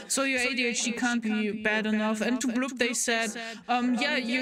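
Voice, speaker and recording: A young German woman streaming, chatting casually and giggling a lot, swearing freely when she gets worked up. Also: a little high. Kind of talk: casual live-stream chat. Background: lo-fi music.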